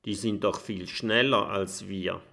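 A man's voice: on the low side, steady tone, measured pace, vocal fry, bright, forceful tone, full character voice. A man voicing a young boy dragon in a children's audiobook, eager and adventurous. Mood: musing.

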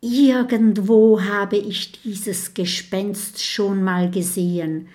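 A woman's voice: medium pitch, steady tone, slow, a little mellow, close to an everyday voice. A woman voicing a curious, clever little boy dragon who talks in a friendly, inquisitive way. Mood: lively.

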